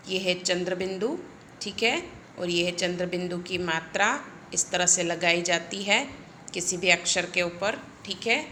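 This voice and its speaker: A woman teaching young children, slow and patient, spelling out letters and often asking the class to repeat. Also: lowish voice, bright, forceful tone, slight background noise. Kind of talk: children's Hindi lesson.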